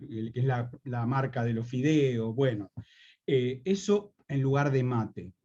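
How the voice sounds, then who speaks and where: Slow-spoken Rioplatense man lecturing. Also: medium pitch, darkish tone, dull audio. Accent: Rioplatense Spanish. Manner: slow, explanatory, repeats key points, asks if students follow. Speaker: university lecturer. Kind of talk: online lecture on slang.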